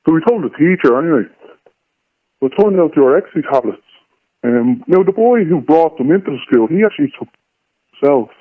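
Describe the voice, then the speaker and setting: Dad, voice disguised electronically, talks quick and matter-of-fact, sounds like a tinny phone line. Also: male voice, a little high, expressive. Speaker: father of a schoolboy. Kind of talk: recorded radio interview.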